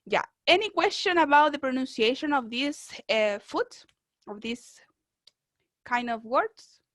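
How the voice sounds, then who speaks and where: A woman teaching an online English class, encouraging and drilling words slowly with frequent checks. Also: high voice, lively intonation, a bit bright, no room sound. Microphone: video call.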